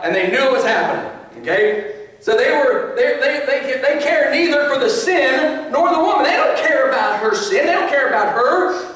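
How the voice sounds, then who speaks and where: A man's voice: extremely high pitch, fairly bright tone. A man preaching a sermon as pastor, in a conversational way with asides and small chuckles. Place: church sanctuary. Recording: echoey hall from a distance.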